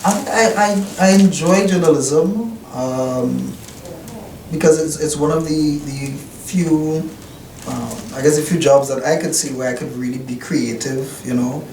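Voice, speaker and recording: A young Trinidadian newspaper reporter gives reflective interview answers in his newspaper office, hesitating often with restarts and "you know" fillers. His voice is fairly high and darkish in tone, and he talks a little slowly. The distant mic makes the sound roomy, with faint noise.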